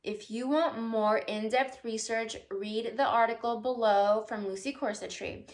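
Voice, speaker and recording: A woman's voice: fairly high pitch, fairly even intonation, measured pace. A woman vlogging casually at home, answering viewer questions in a chatty, playful way with loose tangents and asides. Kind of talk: casual chat.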